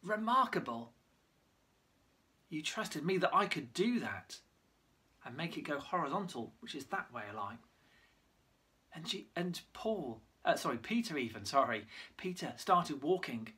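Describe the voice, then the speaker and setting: Bright, lively church storyteller. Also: medium pitch, measured pace, pauses often. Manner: lively storytelling with props, loses track and corrects itself. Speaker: church leader giving a children's Bible talk. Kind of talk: online worship Bible story talk.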